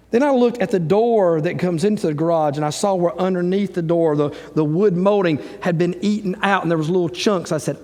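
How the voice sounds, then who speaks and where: A middle-aged man, a pastor preaching a sermon and acting out the dialogue of his stories. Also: sits high. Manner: animated storytelling preacher, acts out quoted dialogue. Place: church sanctuary. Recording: church live stream with long hall reverb.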